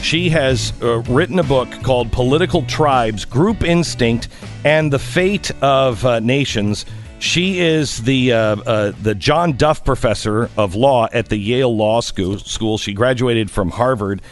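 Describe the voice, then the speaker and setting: A man hosting a radio talk show, interviewing a guest in a halting way, with many fillers and repeated words. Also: mid-range voice, soft background music. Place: radio studio. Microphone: studio mic.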